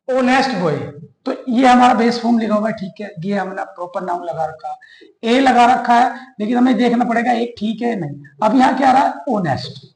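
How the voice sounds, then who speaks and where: A man's voice: very high-pitched, creaky, roomy sound, low-quality recording. A man teaching an English grammar class, explaining step by step and answering his own questions to the students.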